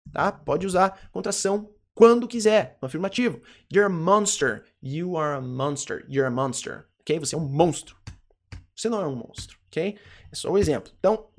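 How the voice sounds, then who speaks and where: A teacher with a Brazilian Portuguese accent giving an English lesson, repeating words slowly and checking in with "tá?" and "ok?". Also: medium pitch.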